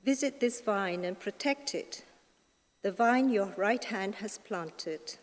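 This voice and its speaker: Woman, Mass reader, very slow and measured, long cathedral echo, large church. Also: medium pitch. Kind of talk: liturgical reading and psalm responses. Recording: echoey church from far off.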